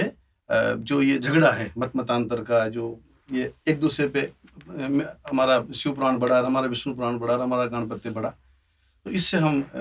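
Man, hesitant, gravelly, husky tone. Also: mid-range voice, distant mic. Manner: hesitant, many fillers. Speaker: saint at a religious gathering. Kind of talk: discussion talk.

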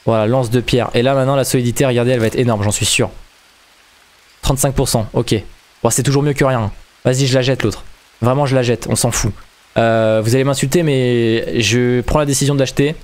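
A young man hosting a video game playthrough in casual commentary, excitable and stumbling over his words. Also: medium pitch, a little fast. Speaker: gaming video host. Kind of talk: casual let's-play commentary.

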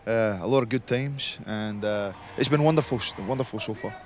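A man being interviewed, talking in a relaxed, rambling way with many fillers, recorded outdoors at a festival. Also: fairly low pitch, moderate pace. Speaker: interviewed singer. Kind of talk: casual interview.

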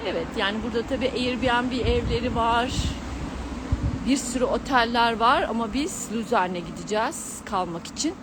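With a fairly high pitch and a moderate pace, a middle-aged astrologer and vlogger from Turkey casually chats, exclaims, and giggles for her followers. Filmed on a handheld gimbal camera at an outdoor mountain viewpoint, the clip carries loud urban sound with vehicles.

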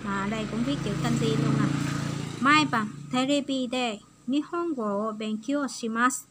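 A woman's voice: a little high, normal speed, background noise. A woman giving a patient, step-by-step online language lesson. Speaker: Japanese language teacher.

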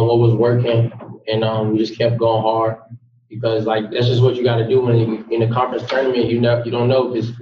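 A man's voice: medium pitch, a little mellow, reverberant, distant mic, muffled recording. A young man, a college basketball player, speaking plainly at a postgame press conference. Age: young adult.

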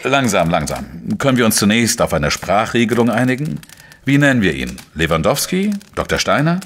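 In a German crime radio play, the lead actor voices a dogged, wry journalist-sleuth who narrates his own case in the first person and also speaks in dialogue. His delivery is deliberate, reflective, probing and calm, with a low-leaning, slightly bright voice and big pitch swings.

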